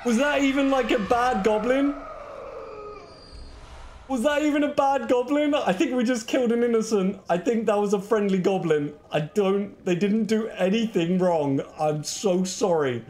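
A young man streaming a game live, laughing and shouting reactions at the enemies he fights. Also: high voice, moderate pace. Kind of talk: live gameplay commentary.

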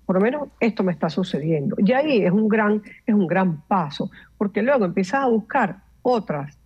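A woman, a meditation coach explaining calmly and instructively, mixing in English words. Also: medium pitch, normal speed, husky, muffled recording. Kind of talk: explanatory interview talk.

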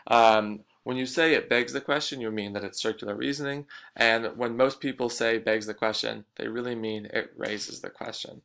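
A man's voice: mid-range voice, gravelly, fairly bright tone. A man teaching a recorded lecture, explaining points and repeating the key ones.

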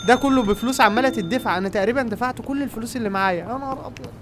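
A young man with an Egyptian Arabic accent giving excited running commentary on a game and talking to his viewers. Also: very high-pitched, racing, noisy background. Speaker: gaming YouTuber. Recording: game music playing behind.

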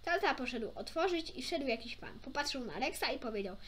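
Brisk and fairly bright, a young woman reads a children's story aloud in a high voice with lively intonation. It's an amateur, expressive, informal reading with small slip-ups she corrects and chatty interjections.

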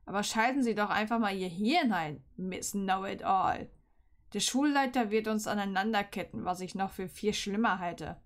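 A woman reading aloud and voicing a cold, mocking male teacher in a slow, lowered voice. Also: natural voice. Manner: slow, low, sneering.

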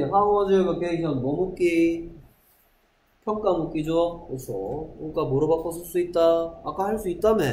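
A man with a somewhat high, warm voice teaches English in class, taking students through a dialogue from the textbook. His reading of the lines is slow and careful, and he keeps asking if everyone understands, over faint background noise.

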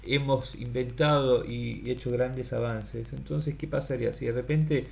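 A middle-aged man, thinking aloud in a halting, rambling monologue to a webcam in a small room. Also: mid-range voice, steady tone, creaky. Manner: halting, many fillers and restarts, thinking aloud. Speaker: philosophical vlogger. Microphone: webcam at close range.

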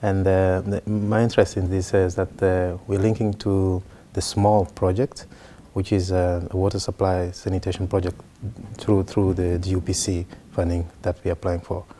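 A man from Mozambique in his forties, an entrepreneur answering interview questions haltingly with repeats. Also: low voice, level tone, mellow, a little hiss or hum.

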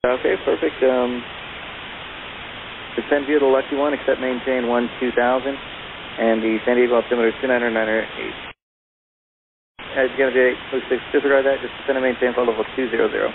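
A man's voice: mid-range voice, level tone, brisk, long pauses. A man working as an air traffic controller, giving clipped instructions over a crackly radio. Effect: crackly aviation radio transmission. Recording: narrow-band crackly radio with hiss.

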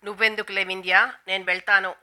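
A gentle, hurt young woman who pleads in a subdued way, as a woman narrator reads her. The tone is very bright, with little rise and fall in pitch. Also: flat delivery, quick pace.

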